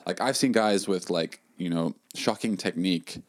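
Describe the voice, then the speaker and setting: A man's voice: low-pitched, moderate pace, dry recording, clean studio sound. A young man, a drum teacher, talking casually in a chat, with many fillers and restarts. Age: young adult.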